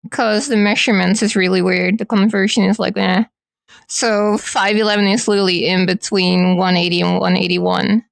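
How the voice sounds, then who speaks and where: A woman streamer chats casually with her audience and teases them in a playful way. Her voice carries a gravelly fry. The sound is dry, with no room echo. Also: mid-range voice, flat delivery, normal speed. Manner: playful, teasing.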